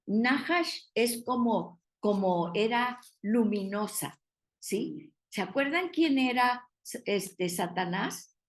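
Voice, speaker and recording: Maestra de estudio bíblico, mujer con acento mexicano, habla pausada y hace preguntas al grupo. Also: female voice, fairly high pitch, animated. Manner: explains patiently, asks the group questions. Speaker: Bible study teacher. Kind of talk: Bible study teaching.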